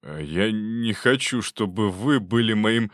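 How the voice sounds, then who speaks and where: A man putting on a suspicious hunchbacked patient who stubbornly refuses his young doctor. The voice is low and dry, close to the mic. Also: expressive, a little slow, no room sound. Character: distrustful hunchbacked male patient.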